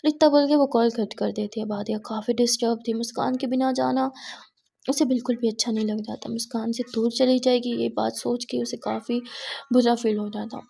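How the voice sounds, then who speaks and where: A woman narrates a romance story in a casual, conversational way, talking straight to the listener. Her voice is high with a gravelly fry. The tone is dark and mellow. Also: fairly even intonation, fairly quick.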